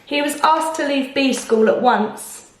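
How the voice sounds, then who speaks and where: A woman reading a picture book aloud to children, expressive, with explanations and questions to the listener. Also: high-pitched, measured pace, background noise. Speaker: children's storyteller. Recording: echoey room.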